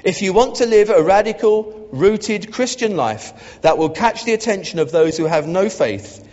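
A man's voice: sits high, lively intonation, normal speed, a little mellow. A man preaching a sermon as the new church officer, earnest and emphatic, leading the congregation in repeating lines. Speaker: pastor. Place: church hall. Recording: muffled echoey church hall.

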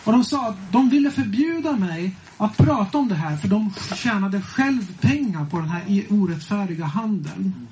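Animated Swedish-speaking preacher telling a story. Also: male voice, sits high, a little hiss or hum, low-quality recording. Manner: animated, swings between hushed and loud, chuckling. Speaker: preacher and singer. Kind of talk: storytelling testimony to a congregation.

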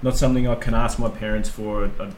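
A man's voice: fairly low pitch, little pitch movement, fast talker, darkish tone, roomy sound, a little hiss or hum, rough recording. A man hosting a casual chat, rambling and repeating words as he searches for what to say. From Australia. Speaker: podcast host.

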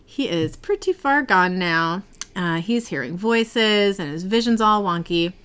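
A woman's voice: mid-range voice, animated, a little slow, a bit bright, smooth. A woman hosting a podcast, casually recapping a TV episode in a chatty, giggly storytelling way.

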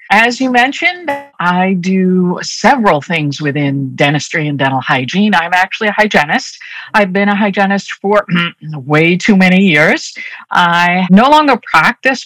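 A woman's voice: fairly low pitch, fairly bright tone, no echo, poor audio. A middle-aged woman with a Boston accent, a dental hygienist talking casually and upbeat as a podcast guest. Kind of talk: casual interview talk.

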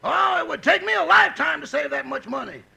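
An actor playing a cheeky male valet in a 1940s radio comedy, with a gravelly, rasping voice and quick teasing comebacks. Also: very high voice, expressive, bright, forceful tone, exaggerated voice. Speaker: butler character in a radio comedy.

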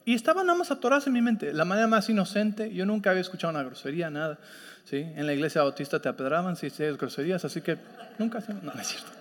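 High-voiced pastor in a reverberant hall. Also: male voice, expressive, rapid-fire. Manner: conversational storytelling with frequent check-ins. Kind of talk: sermon. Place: church sanctuary. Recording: long reverb of a large hall.

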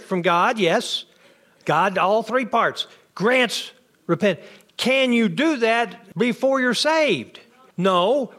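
A man's voice: extremely high pitch, fairly bright tone. A man teaching a bible class, firing off questions and answering them himself. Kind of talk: interactive bible class lecture.

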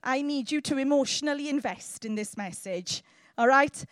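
A woman preacher from south Wales with a Welsh accent gives a lively, informal sermon, teasing her listeners and often checking in with short questions. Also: high voice, moderate pace, no echo. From Llanelli, south Wales.

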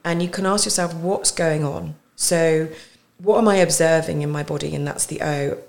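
A woman in her forties, a coach, explaining a calming technique in a relaxed podcast conversation with thoughtful pauses. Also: sits low, creaky. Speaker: guest coach.

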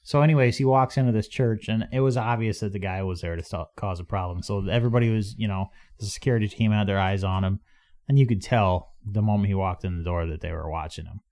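A man's voice: on the low side, fast, darkish tone. A man hosting a casual podcast conversation in a blunt, informal manner. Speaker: podcast host. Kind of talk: casual chat.

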